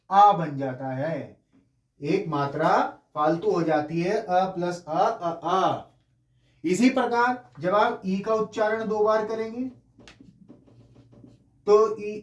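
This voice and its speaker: A man teaching a lesson, explaining step by step as he writes on a board, saying each sound aloud and repeating it. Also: sits high. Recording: echoey room, voice from a distant mic.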